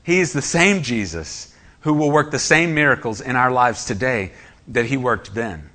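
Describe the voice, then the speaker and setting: A male preacher delivers a sermon with a bright, forceful voice. He speaks emphatically and keeps turning to his listeners with rhetorical questions. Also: mid-range voice.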